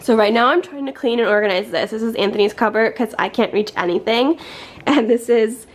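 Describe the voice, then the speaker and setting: A woman's voice: on the high side, fast talker. A young woman chatting casually through a tour of her small apartment, sounding a little worn from illness and slightly out of breath, with frequent fillers and light laughs. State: recovering from illness, slightly congested. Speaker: vlogger. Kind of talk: casual home tour vlog.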